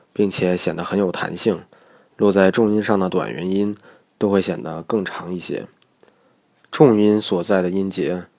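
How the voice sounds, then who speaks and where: Deep-voiced man calmly teaching pronunciation. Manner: measured, methodical explaining. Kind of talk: recorded lesson narration.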